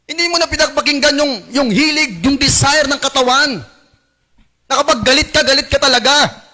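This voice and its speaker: A male pastor with a Filipino accent delivers a Sunday sermon in a fairly high voice. He prompts the congregation to repeat after him and switches between Filipino and English phrases as he preaches. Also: moderate pace, pushed and bright. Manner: call-and-response preaching, asks congregation to repeat lines; acts out tempting whispers in a lowered voice. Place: church service.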